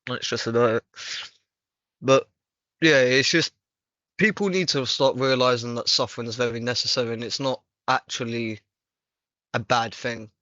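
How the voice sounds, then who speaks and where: A man's voice: medium pitch, normal speed, long pauses, sharp tone, dry recording. A young man hosting a casual chat, talking earnestly and reflectively with casual slang. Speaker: podcast host. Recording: dull, dry lo-fi mic.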